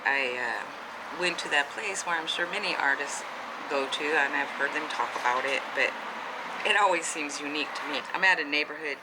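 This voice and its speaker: A woman's voice: deep voice, moderate pace, heavy background noise. A woman in her fifties, an artist vlogger, talks casually into a handheld camera at a neighborhood deli store, hesitant and full of ums and restarts. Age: 50s. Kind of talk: casual vlog monologue.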